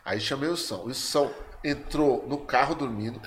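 A man with a São Paulo accent, a guest on a casual podcast, telling a story in animated street slang and laughing through the punchlines. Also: mid-range voice, moderate pace, slight background noise. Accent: São Paulo Portuguese. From São Paulo, Brazil. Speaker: guest writer and activist.

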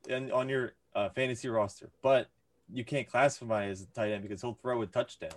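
A man's voice: medium pitch, steady tone, fairly quick. A young man co-hosting a casual sports podcast, arguing his points and joking around. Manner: argumentative, jokey. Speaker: podcast co-host.

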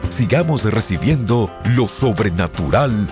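A man reading a scripted announcement as announcer, in a smooth, measured delivery that repeats the details. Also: fairly low pitch, animated. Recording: announcement over clear background music.

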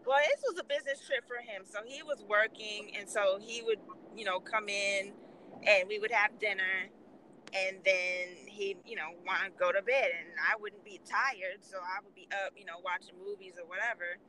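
A woman's voice: mid-range voice, normal speed, a little hiss or hum, rough recording. A woman guest, an author, telling funny stories in casual chat and acting out the people in them. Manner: animated storyteller acting out quoted voices.

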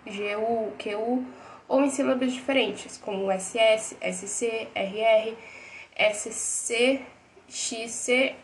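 A woman, reading grammar lesson notes as a teacher in a steady, list-like way. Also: on the high side, slight background noise, poor audio.

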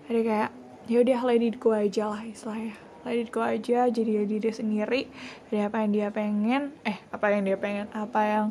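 A young woman hosting a casual solo podcast, talking in a gentle, reassuring way and slipping English phrases into her speech. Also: medium pitch, little pitch movement, brisk, a little hiss or hum. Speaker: podcast host.

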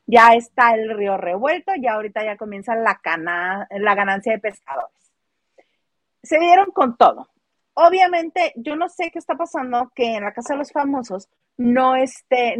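A woman with a Mexican accent dishes gossip in a loose, animated chat, slipping into other people's voices as she retells scenes. Her voice sits a bit high. The sound is close and dry, with no room around it. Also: no echo. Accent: Mexican Spanish. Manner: animated, mimics people in quotes. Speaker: host.

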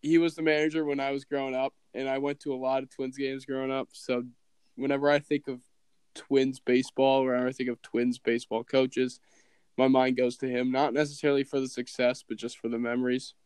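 A man's voice: medium pitch, flat delivery, brisk, darkish tone, clean tone, dry recording. A man chatting easygoingly on a podcast, explaining his picks. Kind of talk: casual chat.

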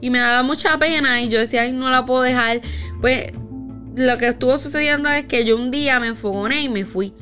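A woman tells a story from her own life in a loose, chatty way. Her voice sits a little high, and she slips into the voices of the people she quotes. Soft music plays faintly behind her. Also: fairly quick. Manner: animated, acts out quoted dialogue. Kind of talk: casual storytelling chat.

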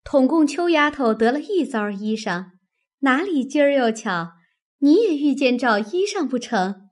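A woman voicing a shrewd, practical young maid with a brisk, matter-of-fact manner. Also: high voice, sing-song.

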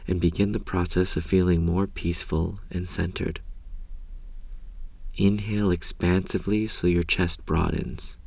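A man guides a meditation in a very low, soft voice. His delivery is calm and unhurried, with long pauses and a gravelly creak as phrases trail off gently. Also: dry recording. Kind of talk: slow guided meditation narration.

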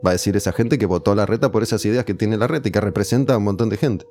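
Low-voiced Argentine man, sardonic. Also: rapid-fire, a little mellow, faint music behind. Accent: Rioplatense Spanish. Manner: opinionated, sardonic, acts out other people's voices. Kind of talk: casual conversation.

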